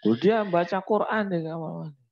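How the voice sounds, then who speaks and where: A man's voice: high voice, brisk, pitched above the performer's own voice. A clueless, flustered father, as a male teacher puts him on, talking in a raised, indignant voice. The recording is dull and lo-fi.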